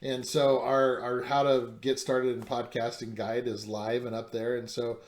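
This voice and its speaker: A man's voice: mid-range voice, little pitch movement, a little slow, reverberant. A man co-hosting a podcast in casual chat, rambling with lots of fillers and restarts. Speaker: podcast co-host.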